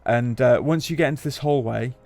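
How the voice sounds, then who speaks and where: A man, co-hosting a casual chat over gameplay footage, relaxed and chatty with casual swearing. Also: mid-range voice, a little fast, creaky, no echo. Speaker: games journalist, co-host.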